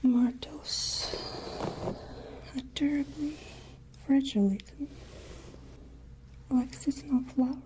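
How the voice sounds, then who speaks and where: A woman playing a haughty, menacing, ageless vampire lady of a castle in a whispered ASMR roleplay, with deliberate, imperious delivery. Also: high voice, warm tone, a little hiss or hum, poor audio. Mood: cold, wistful menace.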